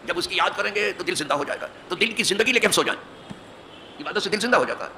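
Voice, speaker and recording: A man's voice: high voice, animated, a little hiss or hum. A man, an imam giving a hadith sermon from the pulpit of a mosque, emphatic and full of rhetorical questions. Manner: emphatic, rhetorical questions, rising to forceful peaks.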